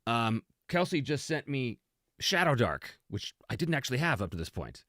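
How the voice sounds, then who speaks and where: With a very animated, fairly bright mid-range voice at normal speed, a man hosts an informal tabletop gaming talk, fielding questions emphatically and conversationally while poking fun at himself. He's a host, game designer and game master; the studio-quality audio has no room sound.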